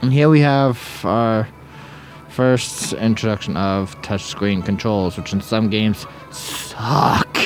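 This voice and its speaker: A man's voice: on the low side, steady tone, slow. A man hosting a Let's Play, rambling and joking with plenty of fillers over faint game music. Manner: rambling, jokey, many fillers. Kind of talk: casual gameplay commentary.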